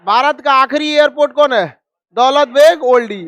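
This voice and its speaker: A man teaching a classroom map lesson, scolding students and drilling them with quick repeated questions. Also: very high voice, a bit bright, no room sound. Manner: scolding, calls students donkeys.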